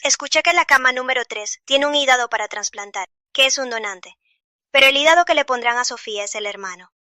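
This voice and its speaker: A woman voicing a desperate middle-aged mother who pleads and then loudly accuses a doctor, in a Spanish drama dub. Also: sits high, no room sound, studio quality. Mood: pleading.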